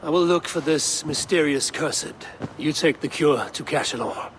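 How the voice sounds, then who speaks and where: An actor playing a steady, grim male Viking warrior who speaks tersely. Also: a little high, normal speed, a little hiss or hum, natural voice. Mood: determined. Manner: terse, resolved.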